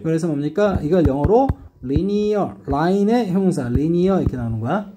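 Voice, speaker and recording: A man's voice: on the high side, fairly quick, background noise. A man teaching an English class, lecturing students and constantly checking that they follow. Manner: lively, rising and dipping emphasis.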